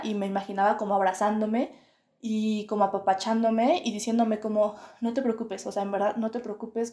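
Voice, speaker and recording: A woman's voice: mid-range voice, darkish tone. A young woman musing in a reflective spiritual monologue, full of fillers. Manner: musing, many fillers like "o sea" and "como". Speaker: podcast host. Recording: roomy, echoey home room.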